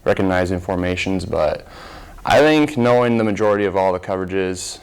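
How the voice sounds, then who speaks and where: A man's voice: low voice, animated, brisk, darkish tone, smooth, rough recording. A young man from Arizona who plays college football, giving laid-back, short answers in an interview. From Tucson, Arizona. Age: 20s. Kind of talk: casual interview.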